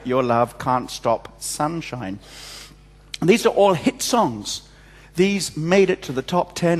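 A man leading church notices at a pulpit microphone, joking and chatty as he talks to his congregation. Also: fairly high pitch. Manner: jovial, self-mocking, chatty. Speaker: church service leader giving announcements. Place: large church hall. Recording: long church hall reverb.

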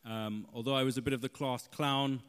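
A man's voice: medium pitch, fairly even intonation, a little fast, fairly bright tone, clear, resonant tone, long reverb tail. A man, a church interview guest telling stories with a playful, joking manner. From London, England.

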